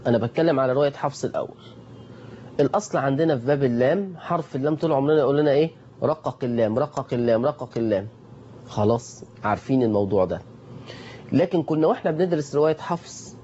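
A man with an Egyptian Arabic accent leads a Quran recitation lesson. He keeps asking his class questions and answering them himself, and he repeats each rule. His voice is mellow and dark, and the recording is dull with a faint hiss. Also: medium pitch. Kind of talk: tajweed lesson.

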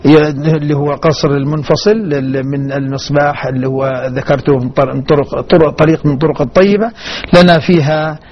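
A man's voice: fairly high pitch, steady tone, fairly quick, husky. A man teaching the readings of the Quran, explaining each difference plainly and chanting short verse examples. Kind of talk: radio lesson on Quran reading variants. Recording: dull muffled radio broadcast.

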